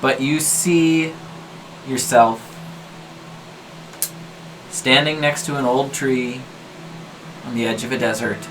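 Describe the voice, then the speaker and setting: Male game master, measured and halting narration, mid pitch, slight background noise. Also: fairly even intonation, a bit bright, low-quality recording.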